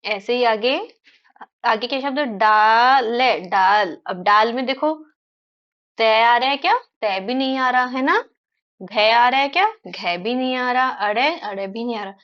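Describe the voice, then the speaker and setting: A woman teacher explaining word sounds to young children, repeating each word slowly and checking in with them often. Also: a little high, muffled recording. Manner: slow, stretched-out repetition of words; frequent tag questions to children. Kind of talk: children's phonics lesson.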